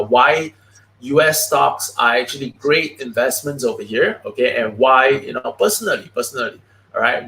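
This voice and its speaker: Man, live stream host, talks fast, peppers in okay and all right, roomy sound. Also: medium pitch, vocal fry, a bit bright. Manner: chatty, many "okay, all right" fillers, fast talking. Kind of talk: live stream talk to viewers. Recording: roomy echo.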